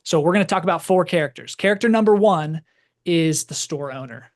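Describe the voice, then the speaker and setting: A man's voice: a little high, lively intonation, brisk. A man giving a casual, rambling storytelling talk to a live audience, peppering his speech with "like". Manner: casual, rambling, heavy use of "like". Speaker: presenter.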